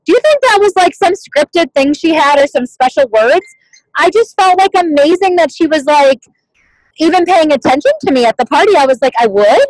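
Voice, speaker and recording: A woman's voice: high voice, dry recording, poor audio. A woman leading a team meeting over a video call, talking in a chatty, casual way full of "like" and "you guys". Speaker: team leader at a sales meeting. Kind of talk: motivational team meeting talk.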